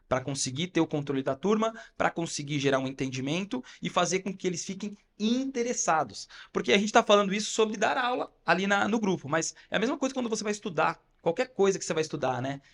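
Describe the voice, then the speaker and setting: A man with a slightly high voice and a Brazilian Portuguese accent walks through coaching advice point by point. He talks casually, often checking in with "né?". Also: a bit bright. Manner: explains step by step, frequent "né?" and "tá?". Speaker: podcast co-host, fitness coach. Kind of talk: casual instructive podcast talk.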